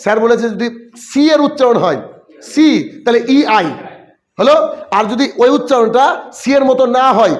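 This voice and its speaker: Male teacher, very high pitch, drills spelling rules in question-and-answer style. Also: moderate pace. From West Bengal, India. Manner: repeats questions to students and answers them himself. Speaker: English teacher. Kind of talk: exam-prep spelling lesson.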